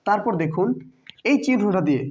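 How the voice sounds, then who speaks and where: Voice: medium pitch, animated, fairly quick, darkish tone. Patient teacher. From Bangladesh. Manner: patient, drills by repetition and quiz questions. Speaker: Quran teacher. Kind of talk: step-by-step lesson. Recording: dull lo-fi recording.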